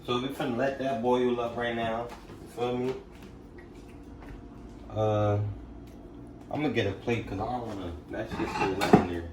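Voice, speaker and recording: A man's voice: mid-range voice, fairly even intonation, moderate pace, long pauses, echoey room, distant mic, heavy background noise. A young man chatting casually in his home kitchen as he cooks for his family, laid-back and slangy, often asking "you feel me?". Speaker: vlogger cooking for his family. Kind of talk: casual cooking vlog chat.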